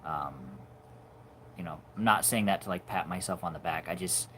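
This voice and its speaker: A man in his forties chatting casually on a livestream, musing in a halting way and trailing off softly at times. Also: low-pitched, slight background noise. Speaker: animator hosting a livestream.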